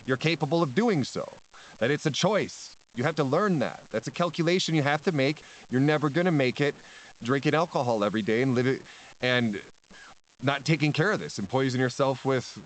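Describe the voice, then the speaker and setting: A spiritual teacher, a man of medium pitch, rambles as a guest in a casual podcast conversation, repeating words, restarting often and laughing frequently. The recording is rough.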